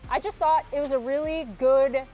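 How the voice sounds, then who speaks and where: Female desk analyst, explanatory replay breakdown, higher voice, music under. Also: fairly even intonation, moderate pace, muffled recording. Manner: explanatory, walks through replay. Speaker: esports analyst.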